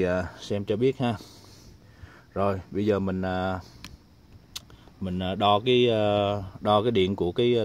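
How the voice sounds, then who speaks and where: A man's voice: on the low side, a little hiss or hum. A man casually showing a solar panel hookup, chatty and full of filler sounds, talking to his viewers while he works outdoors. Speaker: DIY tinkering vlogger. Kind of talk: casual hands-on demonstration.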